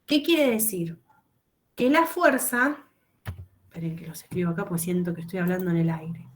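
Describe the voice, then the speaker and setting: A woman's voice: lowish voice, normal speed, a little hiss or hum. A woman teaching a chemistry lesson over a video call, explaining step by step and checking often that students follow. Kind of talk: online class lecture.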